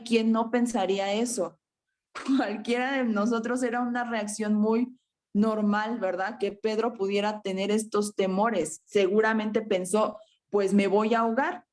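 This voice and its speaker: A woman preaching a sermon to her congregation, often tagging her points with a questioning "verdad" and "ajá" and calling her listeners brothers and sisters. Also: fairly high pitch. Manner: frequent rhetorical "¿verdad?" and "ajá"; addresses congregation as hermanos.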